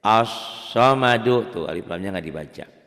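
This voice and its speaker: A man teaching Quran recitation in a casual, patient way, stretching the example words into slow chanted recitation. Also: low-pitched, long reverb tail. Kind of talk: casual spoken tajwid lesson.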